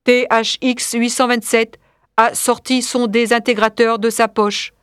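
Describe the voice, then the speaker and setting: A woman reading the lines of an android disguised as a male teacher, in a flat, even manner. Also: a little high, unhurried, clean tone, dry recording, studio quality. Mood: cold. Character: android teacher posing as human, cold and calculating.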